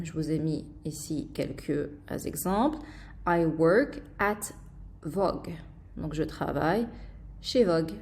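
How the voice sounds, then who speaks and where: Slow, patient teacher woman. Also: lowish voice, warm tone. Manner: patient, explains slowly with fillers and repeated examples. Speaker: English teacher. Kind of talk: online language lesson.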